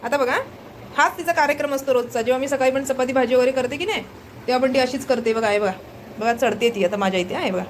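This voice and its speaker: A woman chats through a home cooking vlog in a fairly high voice. She talks easily and keeps calling on viewers to look. It is recorded on a phone in her kitchen, with faint noise behind her. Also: fast talker, poor audio. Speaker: vlogger. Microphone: handheld phone.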